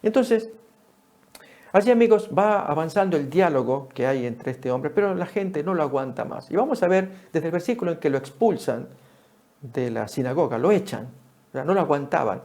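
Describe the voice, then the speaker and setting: Animated man teaching scripture, gravelly voice. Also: a little high, a little fast. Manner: animated, addresses listeners as friends; acts out scripture dialogue while reading. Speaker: Bible teacher. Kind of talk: Bible study lesson.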